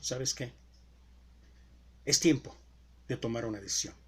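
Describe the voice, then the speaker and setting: A male preacher giving a sermon with deliberate emphasis and rhetorical questions. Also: medium pitch, breathy edge.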